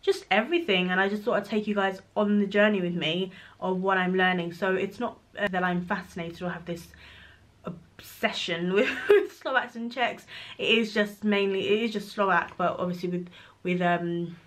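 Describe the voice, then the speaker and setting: A woman from Congo answers viewer questions in a casual vlog, chatty and frank as she talks straight to camera. Her mid-range voice is a bit bright at normal speed, filmed with the camera close up in a small bedroom nursery at home.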